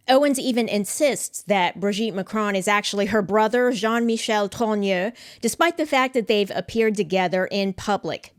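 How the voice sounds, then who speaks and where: A woman giving measured, opinionated commentary on a court case as the host of an online show. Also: medium pitch. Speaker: legal commentator. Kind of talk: scripted commentary.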